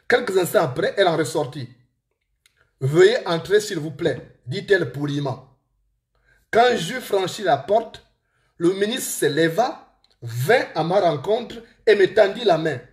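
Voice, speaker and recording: A high-pitched man with a Gabonese accent, an author, tells a story to listeners and reads aloud from his own book in a lively way.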